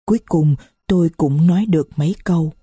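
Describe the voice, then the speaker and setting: A woman's voice: lowish voice, a little fast, mellow, slightly rough, no echo, clean studio sound. A woman narrating a first-person story in a somber, grieving, reflective way.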